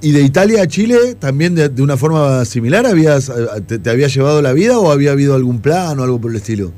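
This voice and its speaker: A man's voice: medium pitch, expressive, fast talker, warm tone, soft background music. A man with an Argentine Spanish accent hosts a radio interview, asking questions and encouraging his guest with friendly remarks and small jokes. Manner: friendly, joking, frequent backchannel affirmations. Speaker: radio host.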